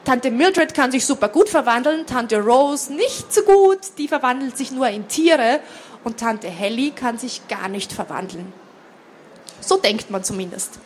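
A woman's voice: high voice, expressive, measured pace, a little hiss or hum. A woman at a reading, casually explaining the story to her audience in a chatty way. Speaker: reader.

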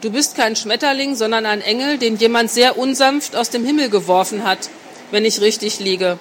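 A smooth, seductive grown man, read by a woman. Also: a little high, normal speed, fairly bright tone, slight background noise, lightly acted. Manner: smooth, persuasive, teasing. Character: confident seductive grown man, calm and worldly. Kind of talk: audiobook reading.

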